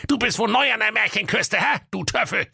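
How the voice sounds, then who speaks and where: A man's voice: high voice, brisk, gravelly, sharp tone, breathy edge, dry recording, studio quality, pitched above the performer's own voice, full character voice. A man voicing a grumpy, foul-mouthed male delivery troll in a comic fairy tale. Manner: snappy, insulting, rude.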